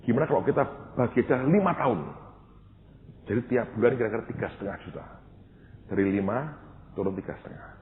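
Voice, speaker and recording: A male pastor preaching a storytelling sermon, acting out dialogue and swinging from loud to hushed. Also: medium pitch, expressive, quick pace, pauses often, a little hiss or hum. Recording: tinny phone-like sound, long hall reverb.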